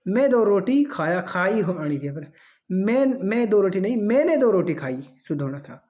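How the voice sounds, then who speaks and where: A woman's voice: mid-range voice, sing-song, normal speed, warm tone. A woman teaching an exam-prep grammar lesson, reading out answer options and then correcting them.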